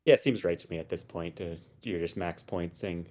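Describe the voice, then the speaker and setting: A low-pitched man explains the play in a relaxed, analytical way. His commentary is casual, with a dry sense of humor. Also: fairly quick. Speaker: game commentator.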